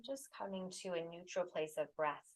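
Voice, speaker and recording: A woman guides a meditation, offering soothing, unhurried instructions in short phrases separated by pauses. Her voice sits on the low side.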